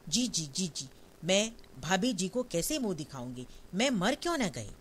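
A woman's voice: lowish voice, very animated, measured pace, slight background noise. A reader voicing a distraught woman of forty-two in a stage play, crying out in panic. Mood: frantic. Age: 40s. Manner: frantic, crying out in a raised voice. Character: distraught middle-aged wife, frantic.

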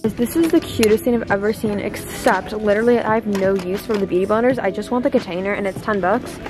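A woman's voice: mid-range voice, quick pace, over music. A young woman chatting casually to camera in a vlog, filling her talk with "like", recorded on a handheld phone. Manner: chatty, constant "like" fillers. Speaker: vlogger.

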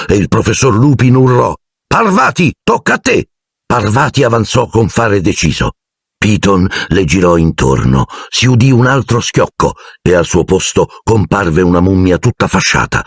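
A man narrating an audiobook dramatically, with an animated delivery and voicing each character. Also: sits low, slightly rough, no room sound, studio quality.

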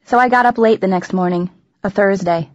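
Brief: female audiobook narrator, dry wit, mid pitch, dull and dead recording. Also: a little fast, no echo. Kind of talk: scripted narration.

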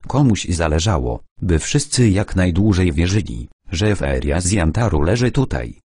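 A man's voice: low-pitched, sing-song, moderate pace, a little mellow, slightly rough, dry recording, studio quality, heavily acted. A man voicing a solemn, thoughtful middle-aged male scholar who speaks reflectively in an audiobook.

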